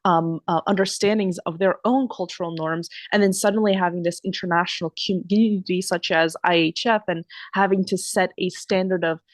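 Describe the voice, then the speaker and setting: A woman's voice: on the low side, steady tone, brisk, few pauses, no echo. A woman hosting a podcast interview, chatting casually with frequent hesitant fillers. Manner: hesitant, many fillers, friendly. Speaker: podcast host.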